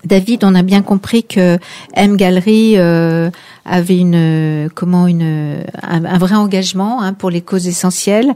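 A woman's voice: lowish voice, steady tone, unhurried, mellow. A woman hosting a local radio interview, friendly with some hesitation. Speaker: radio host.

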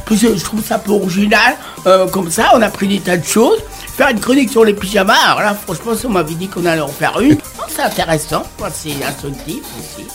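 A man's voice: high-pitched, animated, fast, fairly bright tone. A man chats casually as a regular on a radio show. He rambles, hesitates and doubles back on his words. Light music plays behind him. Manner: hesitant, rambling, repeats himself. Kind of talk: casual studio chat.

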